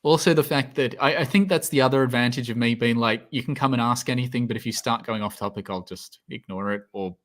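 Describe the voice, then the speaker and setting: Young Australian man, guest on a video call, hesitant and rambling, middle pitch. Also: fast, hardly any pauses, fairly bright tone. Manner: rambling, hesitant, restarts often. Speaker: guest physicist. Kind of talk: casual livestream chat.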